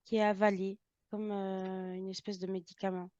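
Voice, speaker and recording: A woman with a French accent, describing impressions in a halting way, often pausing to search for words. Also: medium pitch, level tone, darkish tone, no room sound, highs cut off. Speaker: intuitive medium. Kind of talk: hesitant channeled description.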